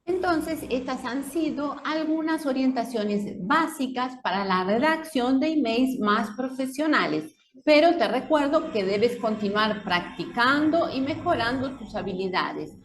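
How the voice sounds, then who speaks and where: A woman teaching an online Spanish lesson, explaining slowly and carefully for learners. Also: sits high, animated.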